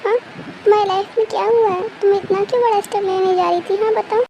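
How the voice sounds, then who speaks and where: A woman doing a gentle, protective young man. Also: very high voice, quick pace, muffled recording, background noise. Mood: calming. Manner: calming, questioning.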